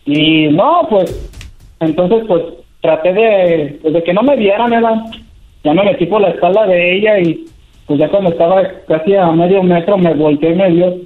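A man's voice: high-pitched, normal speed. A man with a Mexican accent telling his story hesitantly on a phone call, filling his talk with "pues" and "¿verdad?". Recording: tinny phone line.

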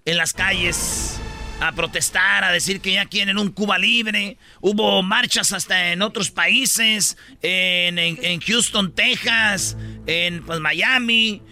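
A man's voice: high-pitched, slow, pushed and bright, faint music behind. A man with a Mexican accent co-hosting a slangy, casual news chat. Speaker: talk show co-host.

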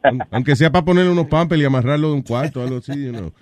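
A man's voice: on the high side, fast. A man in a casual group chat, joking and mixing English phrases into his talk.

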